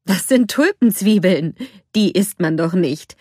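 A woman's voice: on the low side, expressive, measured pace, mellow, breathy edge, dry recording, studio quality. A woman reading a storybook, voicing a good-humoured male gardener who explains with amusement.

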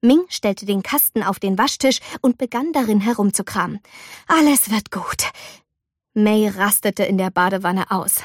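A woman reading a storybook aloud in an expressive, animated way. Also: medium pitch, normal speed, few pauses, dry recording, clean studio sound. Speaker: narrator.

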